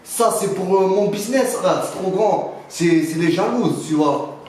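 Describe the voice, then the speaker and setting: A man's voice: high-pitched, unhurried, darkish tone. A man playing a boastful young neighborhood dealer in a mock interview, rambling in French street slang full of filler words. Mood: defensive. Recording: very echoey room, faint noise.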